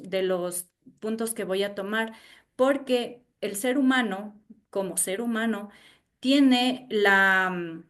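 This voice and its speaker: A woman teacher with an Ecuadorian highland accent speaks in an online lecture. Her voice sits fairly high and she talks slowly, often pausing to check in with her students and repeating key points. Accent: Ecuadorian highland Spanish. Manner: unhurried, repeats herself, checks in with "¿sí?". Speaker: university teacher. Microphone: video call.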